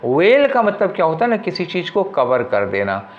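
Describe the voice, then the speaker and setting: A male English teacher walking through an exam paper, explaining in Hindi, reading the English options slowly and asking rhetorical questions as he goes. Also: high-pitched, wildly swooping pitch, lo-fi sound, slight background noise. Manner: conversational, asks rhetorical questions. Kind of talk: exam paper walkthrough lesson.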